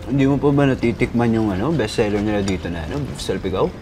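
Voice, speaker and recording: A man's voice: on the low side, lively intonation, fast, background noise, close to an everyday voice. A man playing a goofy joking young guy. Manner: playful, joking, stumbling over words. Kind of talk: TV comedy drama acting. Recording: strong background music score.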